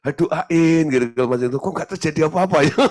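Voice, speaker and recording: A male pastor telling a story in a teaching sermon, lively and often laughing. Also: fairly high pitch.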